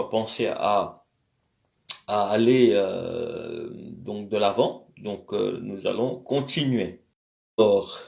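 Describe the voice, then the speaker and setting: A man talks through an alphabet lesson at a very slow pace. He hesitates often and fills gaps with fillers. He repeats example words carefully so the listener can hear how they sound. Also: mid-range voice. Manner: hesitant, many fillers and self-corrections; repeats words slowly for pronunciation. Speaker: language teacher.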